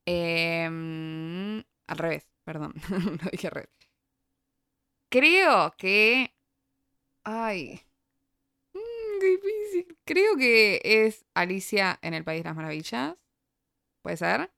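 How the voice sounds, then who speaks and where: Bright giggly Rioplatense woman. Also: medium pitch, drawn-out words, vocal fry, long pauses, clear, resonant tone. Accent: Rioplatense Spanish. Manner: giggly, animated. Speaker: quiz player. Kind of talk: casual chat.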